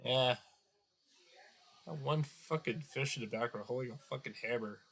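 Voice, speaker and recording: A man's voice: mid-range voice, normal speed, gravelly, a bit bright. A man giving crude, sarcastic reaction commentary on a video, stuffed up and nasal from a cold. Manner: crude, sarcastic, swears often, muttering asides.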